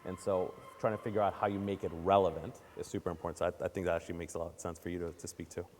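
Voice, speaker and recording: Male moderator, low and quick, brisk conversational, reverberant hall with faint noise. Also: little pitch movement, darkish tone. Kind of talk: live panel talk. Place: conference hall.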